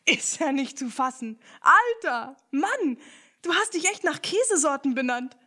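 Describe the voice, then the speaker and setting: A woman voicing an excitable young male mouse, loud and blunt. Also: mid-range voice, fairly quick, breathy edge. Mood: excited.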